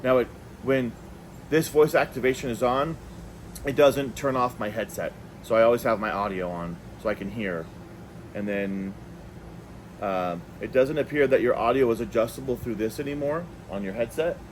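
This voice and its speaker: With a mid-range voice and a moderate pace, this video host reviews a product off the cuff, chatting and working through his thoughts out loud. There's a little hiss or hum in the recording.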